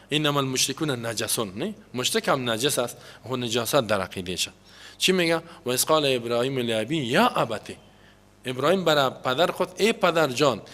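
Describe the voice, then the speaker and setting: A man with a Tajik accent giving a religious lesson, explaining quoted Arabic texts in an animated way. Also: mid-range voice, long reverb tail. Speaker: religious teacher. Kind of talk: hadith lesson.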